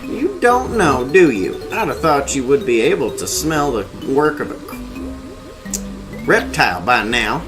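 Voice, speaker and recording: A man's voice: medium pitch, big pitch swings, a little slow, pitched above the performer's own voice. A man voicing a crazy old ape mad scientist from a video game, scolding and mocking like an unhinged villain, with music behind him. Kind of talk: hammy video game character read-aloud.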